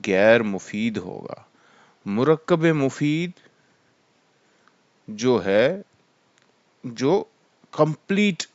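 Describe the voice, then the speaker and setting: A man teaching Arabic grammar in a lecture, explaining terms slowly and mixing in English words. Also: mid-range voice, dry recording, highs cut off. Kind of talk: classroom lecture.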